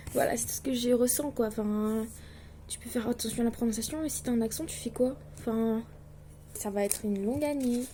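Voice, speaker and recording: A late-teen woman from Switzerland vlogs about her distance-learning studies, chatting casually but hesitantly, filling gaps with fillers and putting herself down anxiously. Her high-leaning, mellow voice keeps fairly even intonation at a moderate pace with long pauses. Slight background noise runs throughout.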